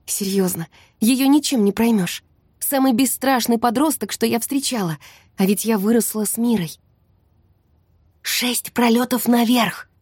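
Woman reading with a warm husky voice. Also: on the high side, normal speed, no room sound, clean studio sound. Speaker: audiobook reader. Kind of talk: first-person fantasy narration.

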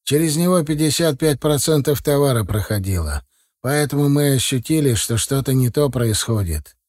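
A man's voice: mid-range voice, lively intonation, normal speed, a little mellow, no echo, clean studio sound, voice pushed up, lightly acted. A man voicing an earnest young heir of a family business in an audiobook, speaking in a confiding tone.

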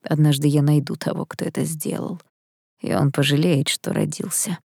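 A woman's voice: sits low, fairly even intonation, normal speed, vocal fry, darkish tone, slightly rough, dry recording, studio quality, heavily acted. A woman reading as a cheeky, haughty young angel man. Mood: grim. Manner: mocking, cheeky, flippant. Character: sarcastic young male half-angel, nineteen, haughty.

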